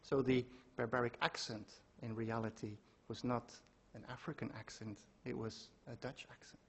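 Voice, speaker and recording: A man giving a measured academic lecture, reading out quotations from his sources. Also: mid-range voice, little pitch movement, fairly bright tone, husky. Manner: measured, quoting sources aloud. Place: lecture hall.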